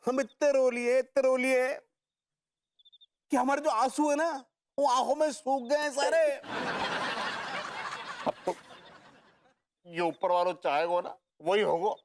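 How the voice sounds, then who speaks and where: Super high-voiced dude laughing off his troubles, bit of hiss. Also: unhurried, long pauses. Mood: wry self-pity.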